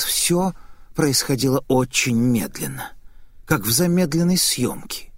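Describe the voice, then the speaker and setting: A man's voice: mid-range voice, no echo, clean studio sound. A man narrating a tense first-person story as an audiobook reading.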